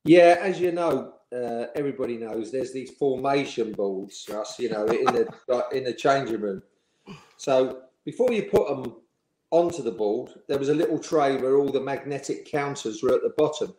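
A man in his sixties recalls his playing days with easy, lively storytelling, laughing along at his own tales. His voice sits at an ordinary middle pitch. He sounds like he is in a bare room with a noticeable echo. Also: moderate pace, a little hiss or hum. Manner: lively storyteller, chuckling, acts out the people he quotes. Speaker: former footballer, interview guest. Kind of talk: anecdotal interview storytelling. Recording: echoey room.

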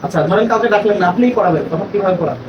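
A man training teachers in a workshop, asking questions and spelling words aloud slowly. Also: high voice, lively intonation, highs cut off. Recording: echoey room with loud background noise.

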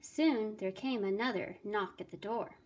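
A woman teacher reading a fairy tale aloud in a slow, deliberate, expressive way. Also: mid-range voice. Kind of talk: storybook read-aloud.

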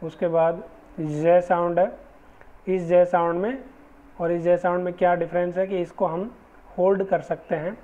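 Slow patient male phonetics teacher. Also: high voice, level tone, mellow. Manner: patient, deliberate, repeats example words slowly. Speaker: English teacher. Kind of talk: slow classroom lecture on phonetics. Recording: dull lo-fi recording.

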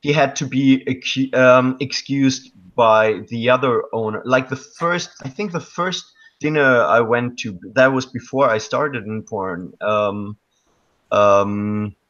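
A German man in his thirties speaks English with a German accent as a hesitant guest in a casual video-call interview, full of ums and restarts. His voice is medium-pitched and fairly bright, and he takes it slowly. He's in a dark room at night, and the call audio is dull and lo-fi.

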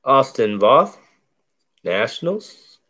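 The card break host has a low, bass-heavy voice with big pitch swings and a bright, forceful tone, yet he talks at an unhurried pace while opening packs. He names each card in a relaxed, conversational play-by-play, recorded by a camera over an indoor table covered in cards.

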